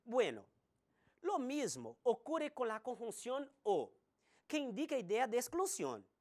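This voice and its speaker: A woman teaching a recorded Spanish grammar lesson, slowly spelling out examples. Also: fairly high pitch, wildly swooping pitch, darkish tone. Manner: slow, deliberate explanation with spelled-out examples.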